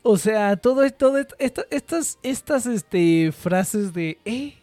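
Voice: mid-range voice, animated, unhurried, a little mellow, dry recording. A speaker with a Mexican Spanish accent chatting casually on a podcast, rambling with lots of fillers and swearing. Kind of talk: casual chat.

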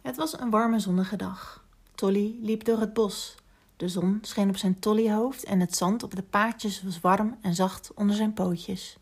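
Gentle, slightly gravelly woman storyteller. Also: mid-range voice, unhurried. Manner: gentle, expressive storytelling, sometimes dropping to a whisper. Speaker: storyteller and podcast host. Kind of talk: children's story narration.

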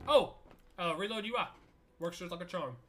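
A man talking like a hyped gamer bro on a casual game stream, animated, exclaiming, slangy and profane. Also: sits high, moderate pace. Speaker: game livestreamer and podcaster. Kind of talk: casual gaming stream chat.

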